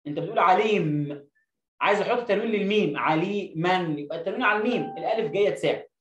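A man's voice: sits high, distant mic, a little hiss or hum. A man with an Egyptian accent teaching an Arabic reading lesson, stretching words out syllable by syllable. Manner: drawn-out syllable-by-syllable drilling. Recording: roomy, dull lo-fi sound.

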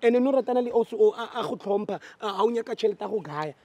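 High-voiced South African man hosting. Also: expressive, racing, a little mellow. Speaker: vlog host confronting a debtor. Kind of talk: street confrontation vlog, mixing languages.

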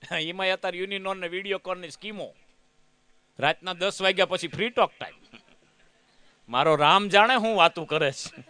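A man's voice: sits high, bright, forceful tone, clean tone, no echo. A man doing a comic monologue, telling a chatty story, acting out other people's lines and teasing the audience. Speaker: comedian.

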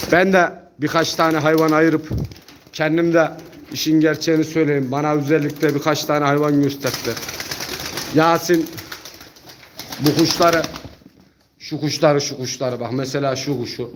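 A man talks like an auctioneer hosting a live pigeon sale, urging viewers to look. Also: on the high side. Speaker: pigeon auction host, seller. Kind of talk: live-stream sales patter to viewers. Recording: echoey room with faint noise.

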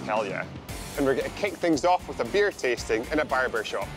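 A man's voice: medium pitch, lively intonation, brisk. A young adult man hosting a travel show, chatting casually and laughing often in a barbershop. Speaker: host. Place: indoor barbershop. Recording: music bed under speech. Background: background music.

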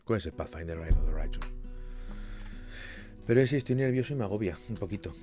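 A young man from chatting casually with viewers on a live stream, rambling with lots of restarts and sudden loud bursts. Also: sits low, animated, a little fast, music in the background.

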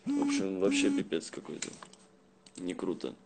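Young man, slightly low voice, street-tough slang, heavy swearing, halting casual livestream chat. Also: wildly swooping pitch. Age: young adult. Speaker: live streamer. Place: small indoor room at home. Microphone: phone at arm's length.

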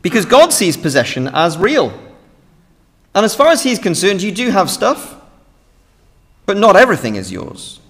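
A young British man preaching an earnest, emphatic sermon from a lectern in a large church hall. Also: high voice. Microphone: standing at a lectern, lectern mic. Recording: reverberant hall.

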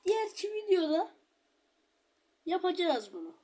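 A woman giving chatty, excitable gameplay commentary, talking straight to her viewers. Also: very high-pitched, unhurried. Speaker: gaming channel host.

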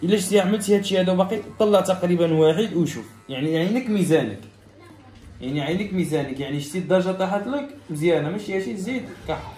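In a barbershop, a barber with a Moroccan accent talks straight to his viewers, explaining a haircut step by step and repeating each one. His high voice is animated, warm and racing, with a roomy sound and soft music in the background.

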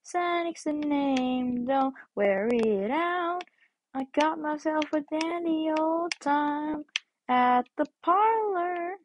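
A woman's voice: sits high, slow pace, a little hiss or hum, poor audio. A woman voicing Sonic as a goofy, cheerful male hedgehog hero in a playful fan dub, gushing with silly amazement.

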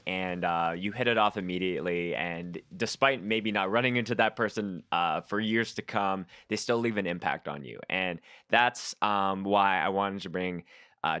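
A man's voice: low voice, clear, resonant tone, dry recording, clean studio sound. A man hosting a podcast, talking casually with lots of ums and likes. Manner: relaxed, filler-heavy talk with frequent "like" and "um". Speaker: podcast host. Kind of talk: casual interview chat.

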